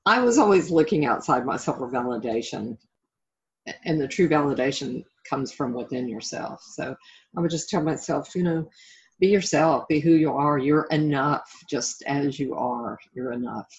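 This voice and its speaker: With lively intonation and a darkish, low-sitting voice, a middle-aged author and life coach chats reflectively at normal speed as a casual interview guest. The call audio is dull and lo-fi, with slight background noise.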